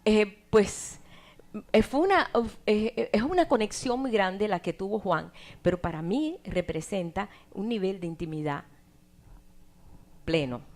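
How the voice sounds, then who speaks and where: Brief: middle-aged woman preacher, sermon delivery that rises to loud emphasis and drops to hushed asides. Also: mid-range voice, measured pace. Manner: animated, swings from loud emphasis to near-whispered asides.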